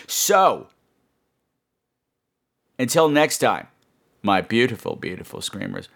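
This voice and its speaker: Very animated yet slow-paced, a man with a medium-pitched, slightly bright voice hosts a horror podcast. He chats with his listeners in a campy, playful way, mocking himself and speaking with emphasis.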